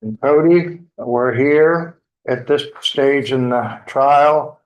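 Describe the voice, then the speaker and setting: A man questioning witnesses as a lawyer in court, phrasing things informally and haltingly. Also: mid-range voice, highs cut off. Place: indoor courtroom.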